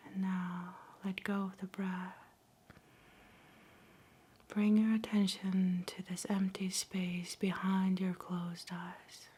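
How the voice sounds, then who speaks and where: A woman giving a whispered ASMR pep talk in a soft, breathy whisper, soothing, gentle and encouraging. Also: mid-range voice, level tone, slow pace, slight background noise. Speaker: ASMR host.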